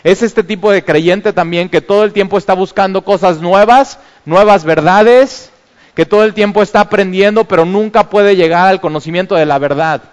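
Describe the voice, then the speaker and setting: A man preaching a sermon as pastor, urging and animated, with exclamations when he tells stories. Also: high-pitched, normal speed, clean tone, long reverb tail.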